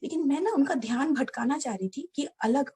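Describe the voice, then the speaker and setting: A woman telling a personal story to a devotional gathering, earnest and halting, often addressing her listeners directly. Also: high-pitched, lively intonation, mellow. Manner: many restarts and hesitations. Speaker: devotee sharing a personal experience. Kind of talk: heartfelt personal storytelling to an audience.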